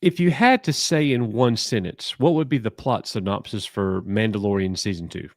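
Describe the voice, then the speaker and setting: A man's voice: lowish voice, moderate pace, no room sound, studio quality. A man hosting a live entertainment news chat, moving the talk along and putting questions to his co-hosts. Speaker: host.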